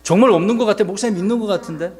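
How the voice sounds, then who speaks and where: A male pastor giving a playful, animated children's sermon, often asking the kids questions. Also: sits high, very fast, husky.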